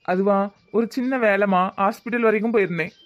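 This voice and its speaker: A man's voice: sits high, fairly quick, natural voice. A man voicing an eager, affectionate young village grandson in a cartoon, with a Tirunelveli Tamil accent. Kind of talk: cartoon voice acting. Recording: dull lo-fi audio.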